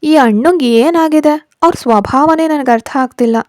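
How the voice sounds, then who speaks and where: Gentle caring young man, voiced by a woman, consoling, mellow tone, storybook. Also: a little high, little pitch movement, moderate pace, no room sound, clean studio sound, close to an everyday voice. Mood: annoyed. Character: caring young brother-in-law.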